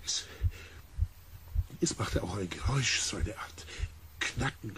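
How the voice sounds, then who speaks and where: An actor playing a shaken male scientist in a German radio play, halting and agitated. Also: fairly low pitch, lively intonation, fairly bright tone, slight background noise. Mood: shaken, groping. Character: shaken male expedition scientist, insisting on his sighting.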